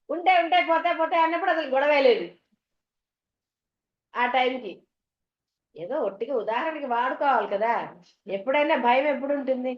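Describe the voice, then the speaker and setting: A woman giving a devotional discourse to an audience, chatty and full of homely stories and questions to the listeners. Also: high voice. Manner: conversational, tells homely anecdotes, asks the audience questions. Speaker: spiritual teacher. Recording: dull, echoey hall recording.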